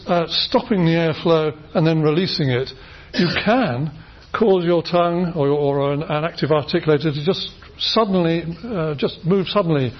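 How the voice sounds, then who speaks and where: A British man lectures on phonetics to a class, patiently explaining and demonstrating sounds, with plenty of fillers and restarts. His voice sits a little high and sounds husky. The recording of the lecture room is dull and lo-fi. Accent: British English. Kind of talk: university lecture.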